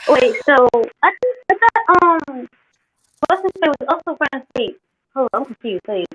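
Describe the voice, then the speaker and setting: A woman's voice: sits high, lively intonation, normal speed, fairly bright tone, no echo, low-quality recording. A woman co-host chatting casually over a headset, her choppy audio sounding robotic and metallic, her speech slangy and hesitant with restarts. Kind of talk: casual chat.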